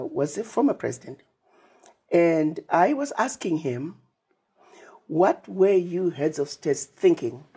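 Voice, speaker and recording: An interview guest from Zimbabwe who advocates Pan-Africanism speaks in a low, mellow, slightly rough voice. Her delivery is emphatic, with plans laid out as lists and conversations retold.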